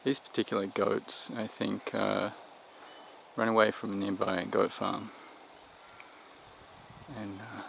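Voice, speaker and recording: A middle-aged Australian man, tired and short of breath, speaking off the cuff to camera in a halting, reflective way. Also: fairly low pitch, flat delivery, gravelly, a bit bright. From New South Wales, Australia. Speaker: vlogger. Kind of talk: unscripted vlog to camera. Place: outdoors in the mountains. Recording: noisy outdoor recording, rural background sounds.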